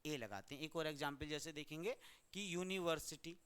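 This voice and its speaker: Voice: medium pitch, brisk, a bit bright, smooth. A teacher from India giving a grammar lesson, who keeps asking the class questions and answering them.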